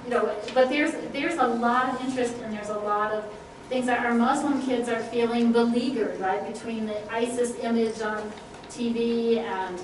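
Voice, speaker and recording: A woman's voice: on the high side, normal speed, slight background noise. A middle-aged woman, a youth program leader, answering audience questions in a large church hall and gesturing broadly as she talks. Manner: animated, gestures broadly while talking. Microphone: far camera, no mic. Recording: echoey hall from far off.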